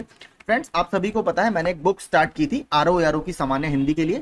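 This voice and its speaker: A young man hosting a channel teaches by patiently going through exam questions one at a time, often repeating the key points. He frequently checks in with "theek hai," and his voice is fairly high with a fairly bright tone.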